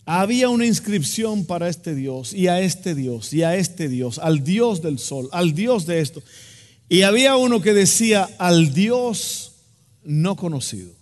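A man's voice: high voice, animated, unhurried. A man preaching a sermon as pastor, impassioned, with a rising and falling delivery. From Dominican Republic. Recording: echoey hall with long reverb.

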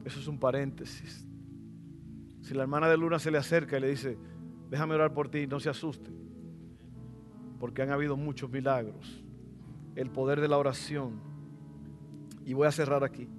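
A middle-aged man preaching a sermon as pastor in a church, fervent and rising to loud exclamations. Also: medium pitch, fairly even intonation, normal speed, long pauses, music in the background. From Latin America.

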